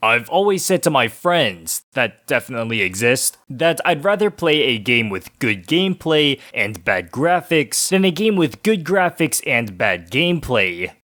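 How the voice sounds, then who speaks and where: A man's voice: medium pitch, sing-song, measured pace, hardly any pauses, a bit bright. A young man giving a casual scripted game review in a wry, slangy, joking way. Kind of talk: scripted video essay narration, casual. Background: background music.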